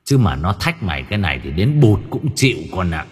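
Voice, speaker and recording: A man voicing an old male fairy helper from a folk tale, speaking in a gruff, resigned way. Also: low-pitched, sing-song, fairly quick, in a large hall, music in the background, voice pushed down.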